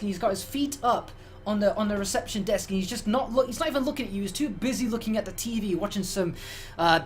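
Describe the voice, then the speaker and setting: A man narrating a tabletop game as game master, rambling through his descriptions. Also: high-pitched.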